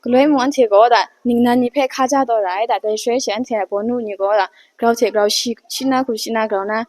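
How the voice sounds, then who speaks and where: Woman talking slowly, a bit high. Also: a little mellow, no echo.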